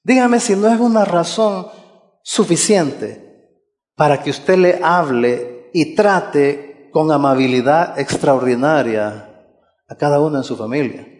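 A man's voice: fairly high pitch, slow pace, darkish tone, big-room sound. A male preacher giving an earnest, exhorting sermon, repeating his key phrases.

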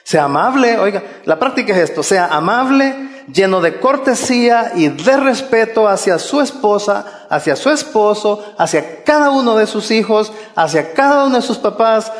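A man preaching an earnest sermon, exhorting his listeners and circling back to the same key phrases. His voice is high for a man. It rings out with a long hall reverb. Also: lively intonation, normal speed.

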